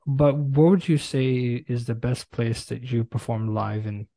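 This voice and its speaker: A man's voice: mid-range voice, steady tone, warm tone, no echo. American man hosting, close dry sound. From Brooklyn, New York. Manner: effusive, halting delivery with repeated words. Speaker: podcast interviewer, host. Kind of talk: conversational podcast interview.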